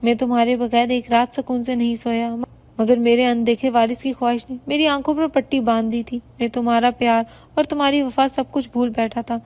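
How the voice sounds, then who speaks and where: A woman's voice: a little high, level tone, darkish tone, close to an everyday voice. A woman voicing a remorseful young husband who pleads with his wife, in a storybook reading. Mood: pleading. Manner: pleading, emotional.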